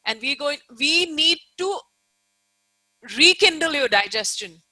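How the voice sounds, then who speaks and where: Giving a casual lecture live online, a woman teacher stresses her explanations, goes over key points again, and keeps asking whether everyone is keeping up. Her voice sits high and sounds animated yet unhurried, sharp in tone, in a dry recording.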